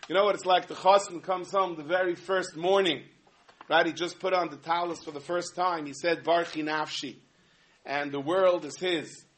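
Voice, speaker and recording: Animated New man giving a sermon. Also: sits high, normal speed. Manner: animated storytelling with asides. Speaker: rabbi giving a talk. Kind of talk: humorous sermon.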